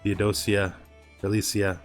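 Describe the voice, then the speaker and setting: This gameplay streamer has a fairly low, flat-sounding voice and takes his time. He commentates casually on the video game he's playing, thinking aloud and reading on-screen text, with soft music underneath.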